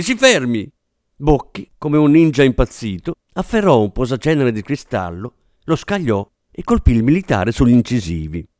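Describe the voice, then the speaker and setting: A man narrates a novel with a lively, dramatic delivery that rises and falls freely. The recording is dry and close to the mic. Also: medium pitch, dry recording. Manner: expressive, dramatic, does character voices.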